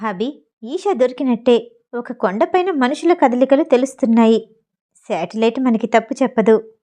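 A woman's voice: on the high side, moderate pace, dark tone, lightly acted. A woman voicing an eager, upbeat young man. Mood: excited.

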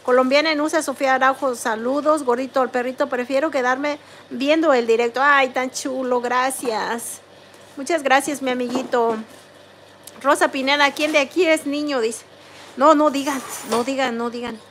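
A young woman chats on her livestream in a high, bright-pitched voice, reading out comments and greeting each viewer. A faint hum sits under her voice. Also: fairly even intonation, moderate pace. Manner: chatty, warm greetings to each viewer, reads chat names aloud. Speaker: livestream host. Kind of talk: casual livestream chat, reading comments aloud.

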